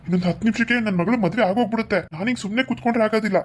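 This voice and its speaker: A woman's voice: medium pitch, very fast, slight background noise, natural voice. A woman voicing a stern, decisive father of the bride in a cartoon, speaking firmly. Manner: firm, commanding. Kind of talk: cartoon voice acting.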